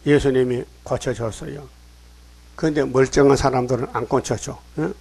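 A man's voice: mid-range voice, fairly even intonation, normal speed, gravelly, a little mellow, slightly rough. A man preaching a sermon, reading scripture and pressing the congregation with rhetorical questions in an emphatic manner.

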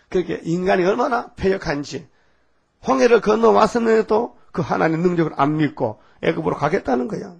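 A man's voice: sits high, expressive, normal speed, gravelly, breathy edge. A man preaching a fiery sermon, scolding and firing rhetorical questions at the congregation. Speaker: pastor.

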